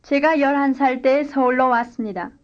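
A woman reading a scripted language-lesson dialogue and drill answers in clear, careful model sentences. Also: high voice, moderate pace, dull audio. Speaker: language course speaker.

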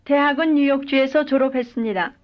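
A woman speaks briskly in a high voice, offering complete model sentences for a language exercise. She handles every sentence carefully and evenly. The recording is lo-fi and dull.

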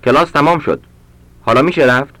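A man reading short practice sentences aloud for language learners, slowly and with careful enunciation. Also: on the high side, a bit bright, dry recording. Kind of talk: read-aloud Persian drill sentences for learners.

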